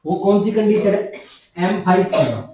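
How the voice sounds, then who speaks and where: High-voiced male teacher in an echoey room. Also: normal speed, darkish tone. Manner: repeats key terms and asks the class questions. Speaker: nursing teacher. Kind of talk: classroom lecture. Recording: very echoey room, mic far off.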